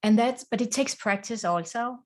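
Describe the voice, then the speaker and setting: Heard over a video call, this Danish life coach answers interview questions in a somewhat high, slightly mellow voice at a moderate pace. She comes across as earnest and reflective, talking in short phrases.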